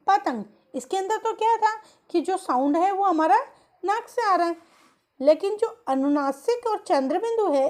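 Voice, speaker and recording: A woman's voice: very high voice, a little mellow. A woman teaching young children a grammar lesson, patiently asking questions and answering them herself. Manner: patient, coaxing, calls pupils "beta", asks and answers own questions.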